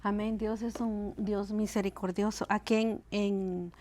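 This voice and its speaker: Soft-spoken woman preacher. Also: medium pitch, little pitch movement, a little slow. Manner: gentle, soft-spoken and inviting. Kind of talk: sermon.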